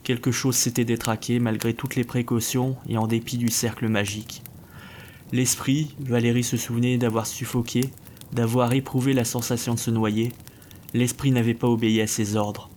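A man reading a dark fantasy story aloud as narrator, steady and measured. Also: medium pitch, slight background noise. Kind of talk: scripted narration.

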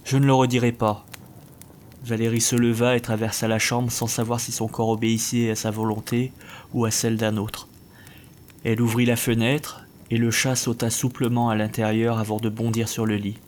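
A man reading a dark fantasy story aloud as narrator, steady and measured. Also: medium pitch, slight background noise. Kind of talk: scripted narration.

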